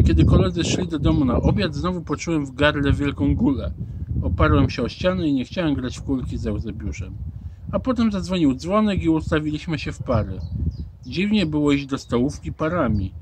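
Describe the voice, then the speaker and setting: Animated male storybook narrator. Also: fairly high pitch, background noise. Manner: expressive, animated. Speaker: audiobook reader.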